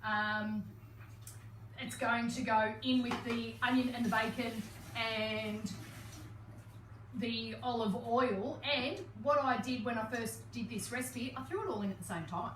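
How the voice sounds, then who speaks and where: A woman's voice: a little high, fairly even intonation, a little slow, fairly bright tone, reverberant, far from the mic, slight background noise, poor audio. A woman co-hosting a live cooking stream in a home kitchen, chatty and bubbly, laughing often. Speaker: cooking show co-host.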